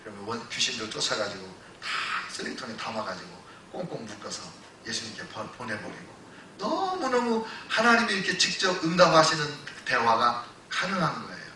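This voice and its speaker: A male pastor preaching a sermon, telling stories that move between loud exclamations and hushed retelling. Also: medium pitch, very animated, brisk, background noise. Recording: echoey church hall, voice from a distance.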